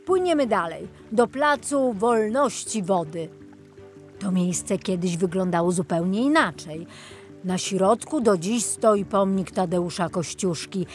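A woman narrating a children's audiobook puts on the voice of an enthusiastic, friendly man guiding a city boat tour. Fairly high in pitch, he explains the sights slowly with friendly exclamations while music plays faintly behind.

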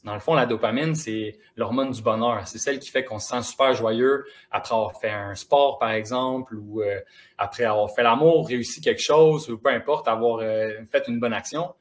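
A young man with a Quebec French accent giving a lively, casual, encouraging motivational talk to students in a school auditorium. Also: mid-range voice. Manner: lively, casual and encouraging, addressing the audience directly. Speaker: motivational speaker.

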